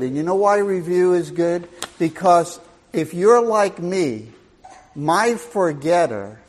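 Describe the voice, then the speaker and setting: A man's voice: a little high, darkish tone. An older man giving a Bible teaching sermon in a folksy, storytelling and emphatic way.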